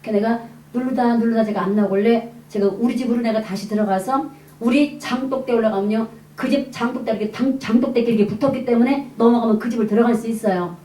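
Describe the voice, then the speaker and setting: A woman evangelist giving a lively testimony sermon to a congregation, acting out the dialogue in her story. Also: on the high side, fast talker. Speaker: evangelist preacher. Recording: echoey hall, mic at a distance.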